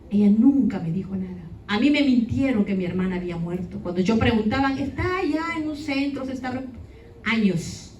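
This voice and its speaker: In a church hall, a woman with a slightly high voice and a little hiss or hum gives an emotional testimony sermon, speaking straight to her congregation. The recording is echoey, distant, and has faint ambience.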